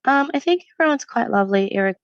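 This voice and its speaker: A woman's voice: high voice, animated, fast talker, dry recording. A woman from Syria working in university student support, answering interview questions in a friendly, earnest way with frequent ums. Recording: dull lo-fi stream audio.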